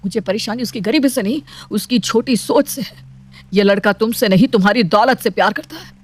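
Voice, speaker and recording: A woman voicing a strict, proud, wealthy middle-aged father in an animated storybook, scolding and commanding. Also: a little high, fairly quick, faint music behind, lightly acted. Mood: lecturing.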